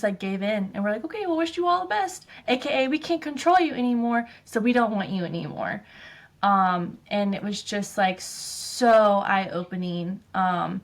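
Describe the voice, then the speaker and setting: A woman hosting her own show, talking casually and emphatically in a personal monologue, filling her speech with "like" and "um". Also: medium pitch. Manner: chatty, fills speech with "like" and "um"; emphatic, ranting. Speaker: podcast host.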